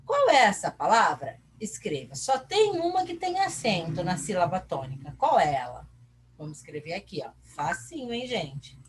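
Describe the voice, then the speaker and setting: Her fairly low, sing-song voice moves at a moderate pace, with slight background noise behind it. She is a Brazilian teacher with a Brazilian Portuguese accent, giving a recorded lesson in which she asks herself questions, answers them, and draws out her syllables.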